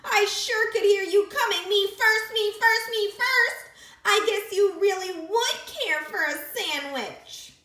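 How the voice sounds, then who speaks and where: A woman's voice: very high voice, slow pace, bright, forceful tone, reverberant, voice pushed up, heavily acted. A woman voicing a bossy little female sand creature in a storybook read-aloud, cackling and theatrical. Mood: gleeful.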